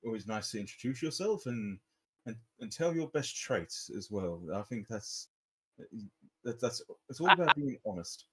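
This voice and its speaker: A man's voice: mid-range voice, big pitch swings, moderate pace, bright, forceful tone, slight background noise. Teasing male gamer, wide-ranging mid voice. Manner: teasing, joking. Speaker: player. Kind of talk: casual chat while playing a tabletop game.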